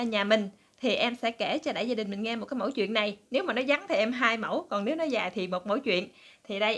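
A woman telling a comic folk tale to her channel's audience, chatty and full of fillers. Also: a little high. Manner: chatty, many fillers, acts out voices. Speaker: storyteller. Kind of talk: telling a funny folk story.

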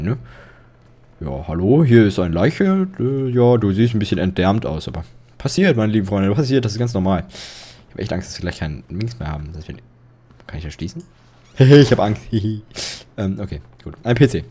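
A man's voice: low voice, dark tone, slightly rough. A young man commentating a horror game, jittery and rambling, joking and yelping when startled. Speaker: let's play commentator.

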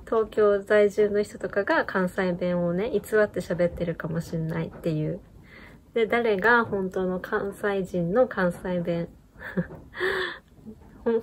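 Casual knitting-channel host, a woman, rambling chat with a faint background hiss. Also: mid-range voice. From Japan. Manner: rambling, chatty, frequent fillers and little laughs.

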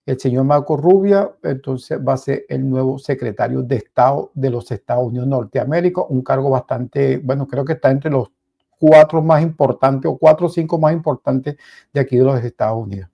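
A man in his forties with a Venezuelan accent, giving casual news commentary from a small home studio on a headset mic, animated and repeating himself often. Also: medium pitch, brisk, creaky, lo-fi sound. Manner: animated, repetitive, addresses viewers as "señores".

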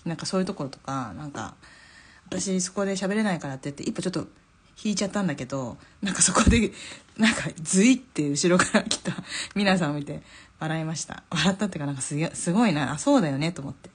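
A woman's voice: fairly low pitch, expressive, fast talker, breathy edge. A middle-aged woman from Japan, a drawing teacher hosting a live stream, chatting casually while she draws, laughing often and reading out viewer comments. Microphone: phone or camera mic on a live stream.

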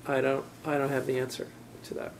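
A man's voice: mid-range voice, completely flat delivery, brisk, gravelly, slight background noise. A middle-aged man lecturing in a university classroom, answering audience questions in a thoughtful, hedging way with many restarts.

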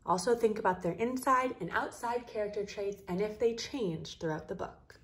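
A woman teaching first graders in a recorded reading lesson, speaking clearly and encouragingly. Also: medium pitch, normal speed, a bit bright, roomy sound, slight background noise.

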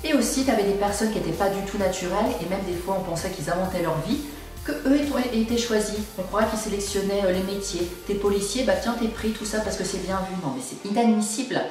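A man's voice: high-pitched, fast, a little mellow, faint music behind. Exasperated young man ranting in an echoey room. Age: young adult. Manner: exasperated, complaining, emphatic. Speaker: video blogger. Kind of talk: opinion rant to camera. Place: small indoor room at home. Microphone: camera at a short distance. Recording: very echoey room, distant microphone.

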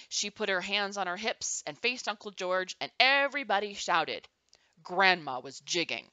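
Bright-voiced woman reading a children's story. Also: lowish voice, no room sound. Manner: expressive, animated reading. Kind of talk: storybook read-aloud.

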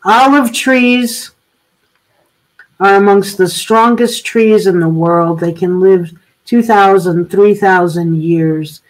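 An older woman hosting a casual political discussion over a video call, thoughtful and halting, often restarting her sentences. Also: mid-range voice, poor audio. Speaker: host.

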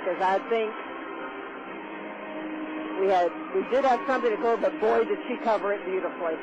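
High-voiced man analyzing gymnastics on radio. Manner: technical, measured move-by-move analysis. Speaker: color analyst. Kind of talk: live radio sports commentary. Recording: dull noisy radio broadcast.

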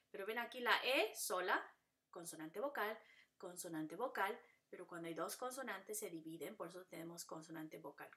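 A woman's voice: medium pitch, a bit bright. A woman teaching a classroom lesson as a Spanish teacher, patiently repeating patterns and now and then explaining in English.

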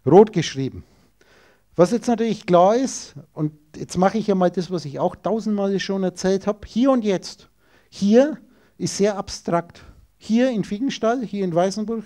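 Man lecturing an audience, highish mellow voice, pushy rhetorical questions. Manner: emphatic, rhetorical, addresses listeners directly.

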